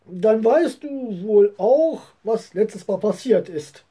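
A woman voicing a careful husband calmly explaining himself to his wife. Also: mid-range voice, slow pace, breathy edge. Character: reasonable, careful middle-aged husband.

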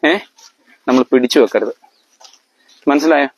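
A man's voice: mid-range voice, slightly rough. A man explaining things to his family in a lecture-like way, often stopping to ask if they understand. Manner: quizzes listeners, keeps asking if they understand; halting, with fillers and restarts.

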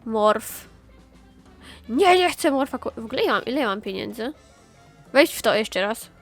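Chatty higher-voiced woman narrating gameplay. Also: animated, faint music behind. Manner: chatty, talks to herself, quick exclamations and repeated phrases. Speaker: gaming channel host. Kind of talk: excited gameplay commentary.

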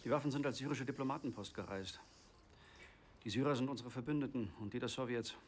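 A brisk, complacent intelligence officer voiced by a man in a film dub. He rattles off answers quickly at a middle pitch, over steady background noise. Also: lightly acted. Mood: matter-of-fact. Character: matter-of-fact male intelligence officer, complacent.

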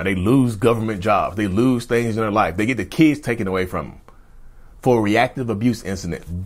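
A man in his thirties hosting a mental health channel, talking straight to camera in an emphatic, repetitive way and calling viewers y'all. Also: mid-range voice. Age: 30s. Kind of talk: direct-to-camera advice talk. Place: indoor studio with backdrop.

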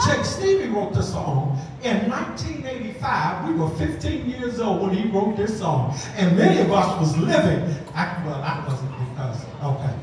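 High-voiced preacher at a pulpit microphone. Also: male voice, big pitch swings, moderate pace, slight background noise. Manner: playful call-and-response preaching, rising to shouts. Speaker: pastor. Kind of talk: sermon. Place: church sanctuary, at a pulpit microphone. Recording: echoey church hall from a distance.

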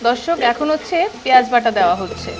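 A woman hosts a cookery demonstration in a high, quick voice. She is inquisitive and confirms every step aloud, over clear music and a sizzling pan. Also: wildly swooping pitch. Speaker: cooking show host. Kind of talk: chatty cooking demonstration, asking questions and explaining to viewers.

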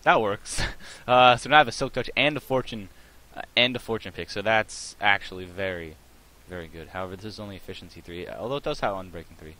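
Chatty low-voiced man narrating gameplay. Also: fast, rough recording. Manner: chatty, rambling, full of fillers and restarts; bursts of excitement. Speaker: let's play host. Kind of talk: casual gameplay commentary.

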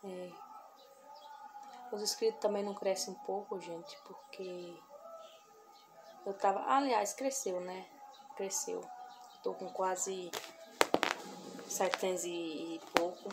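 Her voice is lowish with fairly even intonation as this young adult woman vlogs softly from a couch in a small room at home. She speaks to viewers in a casual, heartfelt way, pausing often to collect her thoughts and repeating herself. The noisy recording comes from a phone camera held at arm's length.

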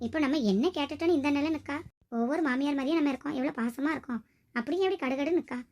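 A woman's voice: high voice, rapid-fire, a little mellow. A woman voicing a nagging, self-pitying middle-aged mother-in-law who grumbles to herself. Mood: grumbling.

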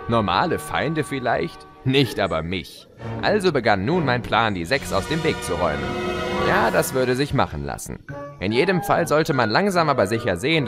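With a mid-range, sing-song voice at normal speed, a man performs the role of a smug, playful chaos creature. Gleeful and scheming, the character narrates his escape in first person for an audio drama, theatrically, as music plays.

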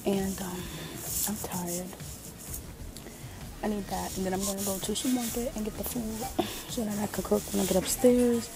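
A woman's voice: mid-range voice, flat delivery, normal speed, pauses often, background noise. A young woman vlogging in casual chat, blunt and slangy with some swearing, filming on a handheld phone at arm's length outdoors and in a store. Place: city street outdoors, then inside a discount store. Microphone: handheld phone camera at arm's length.

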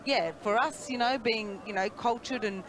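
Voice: medium pitch, moderate pace. Earnest commentator over crowd noise. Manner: earnest, speaks up for getting names right. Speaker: match commentator. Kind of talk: live sports commentary.

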